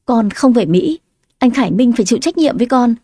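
A woman voicing a scheming young adopted daughter, with a whiny, shrill manner. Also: lively intonation, a little fast, warm tone, dry recording, studio quality. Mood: indignant. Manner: whining, shrill when pleading.

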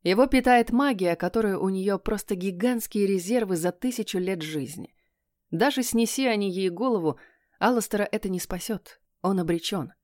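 A woman narrates a first-person fantasy story in a hushed, tense reading voice. Her pitch sits in a comfortable middle range, and the recording is dry and close with no room sound. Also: normal speed, no room sound. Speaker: audiobook narrator.

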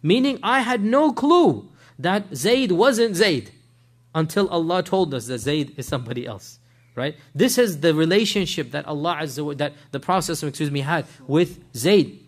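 A man giving a weekly religious history lecture in an animated way, often asking his listeners rhetorical questions and weaving in Arabic religious phrases. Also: fairly high pitch, moderate pace.

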